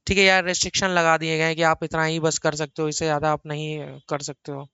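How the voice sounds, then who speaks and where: A middle-aged man delivers a recorded accounting lecture from a small room at his laptop, lively and chatty. His voice is bright and crisp, and he teases his students and repeats words for emphasis. The recording is dry and a little dull. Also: on the high side, fast talker, no echo. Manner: chatty, teasing asides to students. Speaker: accounting teacher.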